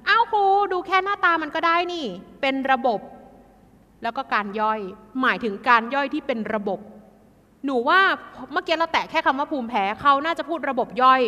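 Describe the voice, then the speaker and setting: Woman, exam tutor, lively chatty delivery, bright voice, long reverb. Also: high voice, fairly quick. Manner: lively, chatty, talks to students as kids.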